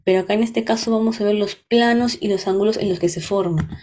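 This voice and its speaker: A young woman with a Peruvian Spanish accent teaches a workshop, her voice mellow and warm with a middling pitch. She walks through each point patiently and keeps pausing to ask whether everyone is following. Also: fairly even intonation. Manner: explains step by step, often checks understanding. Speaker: workshop instructor. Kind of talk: online workshop lecture.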